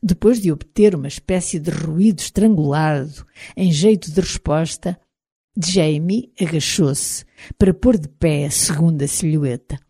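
Warm-voiced woman narrating an audiobook. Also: deep voice, unhurried, husky. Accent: European Portuguese. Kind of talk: first-person audiobook narration.

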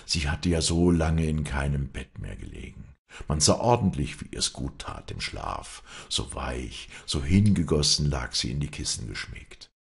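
A man narrates a novel in a deep, gravelly voice. His reading is expressive and his pitch moves a lot. He tells the story at a measured pace. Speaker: audiobook narrator. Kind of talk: scripted narration.

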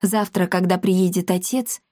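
A woman voicing a calm, concerned grown woman in a storybook reading. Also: on the low side, measured pace, no echo, clean studio sound. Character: worried thoughtful grown woman.

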